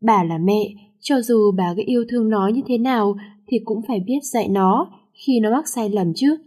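A woman voicing a harsh, angry middle-aged father who scolds his daughter in a gruff manner, read in an audiobook. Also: on the high side, moderate pace, mellow, close to an everyday voice. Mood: scolding.

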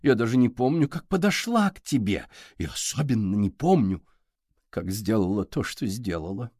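A man's voice: fairly low pitch, sing-song, moderate pace, a little mellow, no echo, clean studio sound. A man voicing a nervous, evasive older woman librarian who hesitates.

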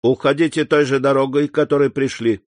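A man's voice: medium pitch, steady tone, a little fast, dry recording, natural voice. A haughty young noblewoman answers in short, cold sentences, as a man reads her in an audiobook. The voice stays near the reader's own. The sound is dry and close. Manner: curt, haughty.

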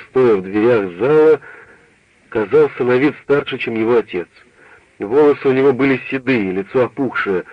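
A man narrating a literary novel in a measured, even reading. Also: mid-range voice, no echo. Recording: dull, dry radio recording.

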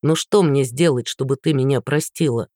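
A woman's voice: rumbling low, normal speed, dark tone, no room sound, studio quality. A woman voicing a remorseful young man who pleads earnestly and persistently. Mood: pleading.

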